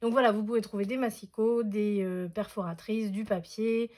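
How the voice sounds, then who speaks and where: A woman's voice: mid-range voice, steady tone, normal speed, darkish tone. A woman hosting a casual scrapbooking tutorial at home, chatty and hesitant, with many fillers.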